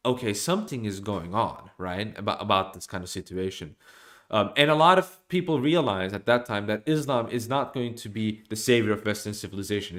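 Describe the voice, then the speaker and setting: In a small room at home, a young Norwegian streamer speaks at medium pitch into his desk webcam. He offers an opinionated monologue, gesturing with energy and often starting over.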